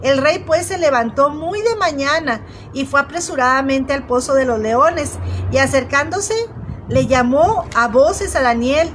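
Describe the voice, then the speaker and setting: A woman preaches a sermon in a high voice. She retells the story and speaks straight to her listeners. She often stops and restarts her phrases, and a faint hiss sits under her voice. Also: lively intonation, a little slow, fairly bright tone, poor audio. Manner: storytelling, addresses listeners directly, frequent restarts.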